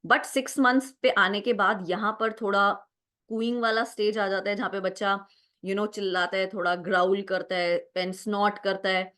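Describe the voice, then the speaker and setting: A woman's voice: medium pitch, steady tone, moderate pace, fairly bright tone. A young adult woman teaching an exam-prep lecture, explaining step by step, mixing Hindi and English, and often asking "right?". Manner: explanatory, mixes Hindi and English, frequent "right?" check-ins.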